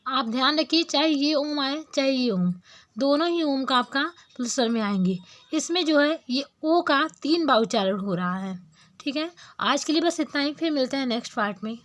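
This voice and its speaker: A woman teaches a grammar lesson, her voice sitting high. She explains patiently and repeats each term. She stretches vowel sounds out to show them. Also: expressive, normal speed, fairly bright tone. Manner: patient, repeats terms and examples; draws out vowel sounds as examples.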